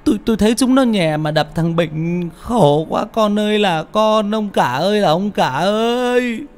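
A man voicing a grief-stricken mother who wails in terror at ghosts, in shrill sobbing cries, in an audiobook. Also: expressive, unhurried, faint music behind. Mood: anguished.

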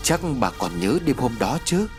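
A man's voice: mid-range voice, big pitch swings, moderate pace, a little mellow, soft background music, lightly acted. A man voicing the vengeful ghost of a young man in an audiobook story, in a mocking, sneering manner. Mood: cold.

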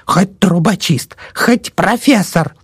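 A man putting on a shrill scolding old woman. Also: takes it slowly, breathy edge, no echo, clean studio sound, full character voice. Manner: shrill, accusing, whispering.

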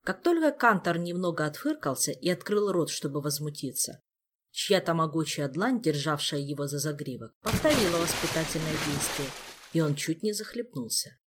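A man narrating an audiobook with expressive, lively storytelling. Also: a little high, moderate pace, a little hiss or hum. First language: Indonesian. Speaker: audiobook reader.

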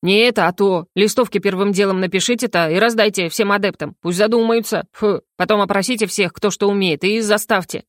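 A woman's voice: mid-range voice, a little fast, hardly any pauses, no room sound, natural voice. A woman voicing a grumpy talking male hedgehog who grumbles, snorts and huffs in an audiobook, recorded dry and close. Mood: grumbling.

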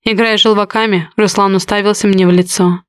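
A woman narrating a romance audiobook in the first person, with steady, intimate storytelling. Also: medium pitch, a little fast, clean tone, dry recording, clean studio sound.

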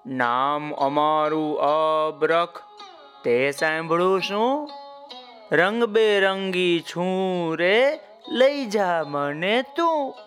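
A man doing a gentle talking mica stone. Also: high-pitched, soft background music. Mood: sing-song. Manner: slow, sing-song.

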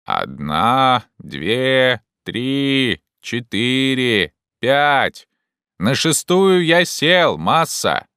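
A man voicing a simple, cautious male servant who calls out in a slow, drawn-out way. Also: medium pitch, sing-song, sharp tone, dry recording, studio quality, voice pushed up, full character voice. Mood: calling out.

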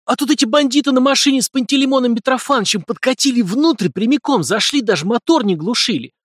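A man voicing an excitable teenage boy who blurts out his story eagerly. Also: very high voice, fast talker, no echo, clean studio sound, pitched above the performer's own voice. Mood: excited.

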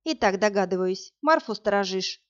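Woman voicing a sharp young witch girl, snappy, teasing, slightly muffled sound. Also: medium pitch, animated, moderate pace, lightly acted. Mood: eager, snappy.

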